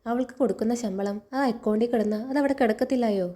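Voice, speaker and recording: Blunt, chiding old grandmother over sixty read by a woman, mellow tone. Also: a little high, fast, lightly acted. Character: sharp-tongued old grandmother.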